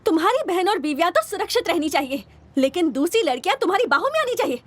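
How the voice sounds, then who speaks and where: A woman's voice: very high-pitched, sing-song, fast. A stern, scolding lady boss. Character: stern outspoken female office boss. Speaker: office boss. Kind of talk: Hindi film dub acting. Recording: dubbed film with loud score.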